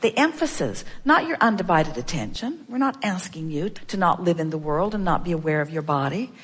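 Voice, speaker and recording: A woman's voice: fairly low pitch, expressive, brisk, husky, in a large hall. A woman giving an emphatic spiritual seminar talk, repeating phrases for emphasis and speaking as "we". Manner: emphatic, repetitive, speaks for a collective "we". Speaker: spiritual teacher.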